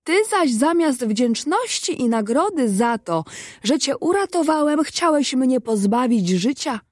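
A woman's voice: high voice, very animated, unhurried, darkish tone, dry recording, clean studio sound, voice pushed up, full character voice. A woman voicing a poor, distrustful fisherman in a storybook reading, in a reproachful, lecturing manner. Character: poor clever male fisherman, stern and distrustful.

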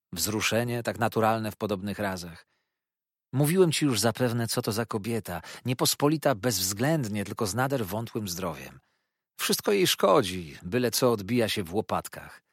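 A man's voice: on the low side, no room sound, clean studio sound, heavily acted. A man reading an audiobook, voicing a cheerful young male lawyer who rambles eagerly about his new marriage.

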